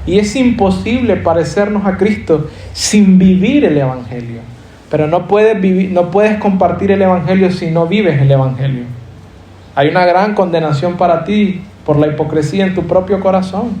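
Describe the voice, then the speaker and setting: High-voiced preacher in an echoey church. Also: male voice, moderate pace, mellow, slight background noise. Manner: earnest preaching with rhetorical questions. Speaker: pastor. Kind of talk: sermon. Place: church hall.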